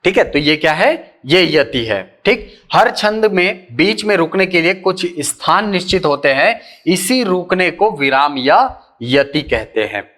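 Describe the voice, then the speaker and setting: A man giving an exam-prep lecture who keeps asking rhetorical questions and answering them himself, slowly stretching the key terms. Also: high-pitched, very animated, a bit bright. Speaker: teacher.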